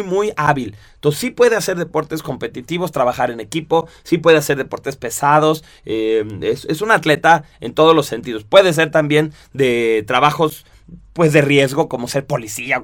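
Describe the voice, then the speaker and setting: A man's voice: fairly high pitch, fairly bright tone. Casual Mexican man explaining. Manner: conversational, asks rhetorical tag questions. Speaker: lecturer on personality types.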